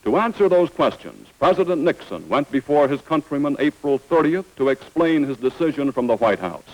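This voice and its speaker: A man's voice: fairly high pitch, very animated, moderate pace, darkish tone, poor audio. A man giving formal, scripted narration in the manner of an old newsreel announcer.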